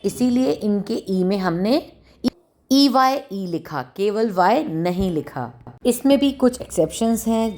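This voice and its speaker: Woman, phonics lesson, low-pitched, very slow, repeats example words. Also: darkish tone. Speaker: phonics teacher. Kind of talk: phonics lesson narration in Hindi with English.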